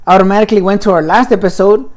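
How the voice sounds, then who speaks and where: A man's voice: sits high, steady tone, racing. A man co-hosting a podcast recorded in a garage, chatting casually and rambling, often adding man, bro and you know. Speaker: podcast co-host.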